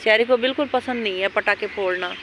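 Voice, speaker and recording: A woman narrates casually into a phone camera while outdoors in a park. She switches between a fond, high voice when calling or scolding the dogs and a calm explaining voice for viewers, at a mid pitch. Faint outdoor noise and birds sit behind her. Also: fairly quick. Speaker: dog owner vlogger.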